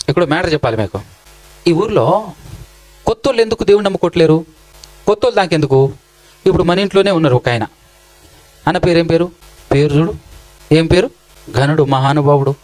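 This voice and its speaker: High-pitched Telangana Telugu preacher, scolding. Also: male voice, poor audio. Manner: questions the congregation directly, scolding and teasing. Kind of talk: sermon. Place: church hall.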